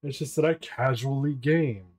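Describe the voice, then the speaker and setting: A man's voice: medium pitch, moderate pace, a little mellow, slightly rough. A man streaming games live, chatting casually and playfully with his viewers and laughing often. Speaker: variety game streamer.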